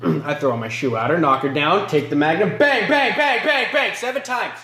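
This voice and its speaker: A man playing a remorseless male killer in an amateur film monologue, moving between low mutters and sharp outbursts. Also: very animated, normal speed, reverberant. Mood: hushed, chilling. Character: remorseless male killer recounting his crimes.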